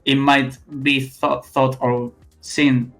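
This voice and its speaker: A young Spanish man speaks English with a heavy accent, stopping and restarting his sentences as he goes. His pitch sits in an ordinary middle range. Faint music plays quietly in the background. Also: little pitch movement, vocal fry. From Spain. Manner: halting, many restarts and fillers. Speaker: esports player guest. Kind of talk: casual interview.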